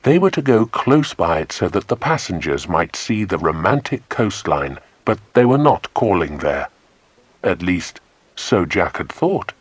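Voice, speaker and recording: A man reads a children's adventure audiobook with lively, expressive storytelling, his low voice breathy and a little slow. The close studio mic captures it dry, without echo.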